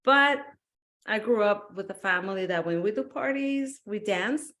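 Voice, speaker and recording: Animated woman telling a story. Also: mid-range voice, normal speed. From Peru. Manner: animated storyteller, acts out quotes, laughs often. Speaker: guest, wellness business owner. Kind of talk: casual interview chat.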